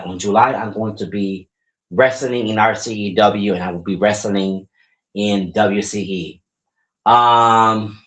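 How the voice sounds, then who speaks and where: The voice is on the low side and the recording is rough. He's a man in his forties, a wrestler and podcaster, talking alone in a casual, upbeat way and repeating words frequently as he rambles.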